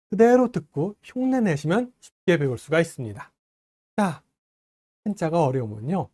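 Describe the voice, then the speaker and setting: A language teacher leads an online lesson with a voice that rises and falls freely at a mid pitch. The delivery reassures learners and stops to model pronunciation slowly, repeating each line.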